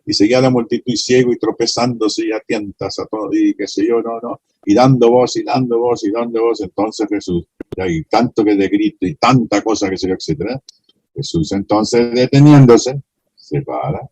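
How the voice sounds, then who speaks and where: A man's voice: lowish voice, moderate pace, darkish tone, breathy edge, no room sound, poor audio. A man preaching a sermon to a small congregation, passionately acting out the scene he tells. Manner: impassioned, acts out the blind man's pleas.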